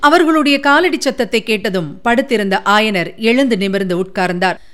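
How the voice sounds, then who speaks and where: Clear-voiced woman reading a novel aloud. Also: a little high, lively intonation, a little fast, fairly bright tone. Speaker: audiobook narrator. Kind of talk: scripted narration of a historical novel.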